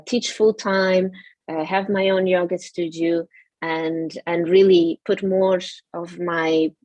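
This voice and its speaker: With a Portuguese accent and a lowish, somewhat dark voice, this yoga studio owner from Portugal reflects earnestly on her story in an interview, using many fillers. There's no room sound.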